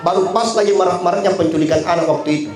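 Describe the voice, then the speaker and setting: A man's voice: high voice, steady tone, very fast, a crowd in the background. A man with a Makassar Indonesian accent giving a humorous sermon at a memorial gathering, telling stories and mimicking other people's voices. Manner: jokey storytelling, acting out other voices. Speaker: preacher. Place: memorial gathering in a market complex. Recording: roomy hall with laughing audience.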